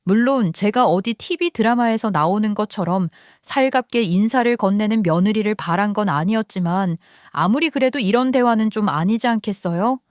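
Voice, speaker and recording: An older woman narrates a personal family story in a calm, confiding, scripted way. Her voice sits at a middle pitch and sounds dry and close to the mic. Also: normal speed, few pauses, no room sound.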